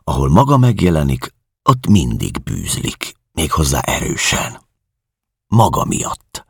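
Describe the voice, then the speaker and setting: A man voicing a weary male refugee who answers with sardonic calm. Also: a bass voice, vocal fry, breathy edge, no echo, clean studio sound, voice pushed up, full character voice. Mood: sardonic defiant.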